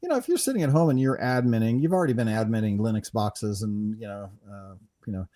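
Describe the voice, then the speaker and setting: A man's voice: fairly low pitch, animated, fast talker, mellow. A man from Denmark co-hosting a podcast in casual chat, rambling with many restarts and "right?" asides. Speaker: podcast co-host.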